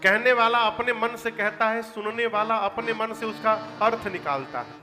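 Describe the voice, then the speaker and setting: A man's voice: high voice, normal speed, sharp tone. A male katha preacher, telling devotional stories, quizzing his audience and chanting verses, on a stage mic in an echoey hall. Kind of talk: devotional storytelling sermon. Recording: echoey hall, faint music.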